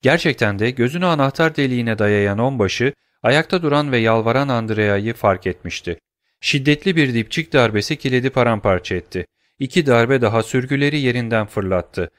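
A man narrating an audiobook in a steady, measured reading voice on a close mic. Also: mid-range voice. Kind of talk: scripted narration.

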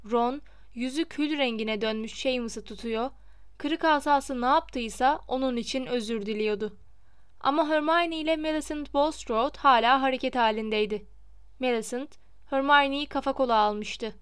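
Woman reading a novel out loud, expressive storytelling, clean higher voice, dry close mic. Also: clean tone, dry recording. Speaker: audiobook narrator. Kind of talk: scripted narration of a novel.

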